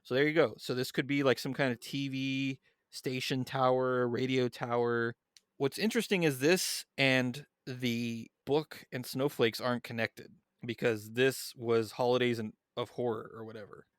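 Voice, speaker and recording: Smooth-voiced man on a podcast. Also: medium pitch, steady tone, normal speed, no echo, studio quality. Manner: reads background notes aloud, then chats loosely. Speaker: podcast co-host. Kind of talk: casual chat.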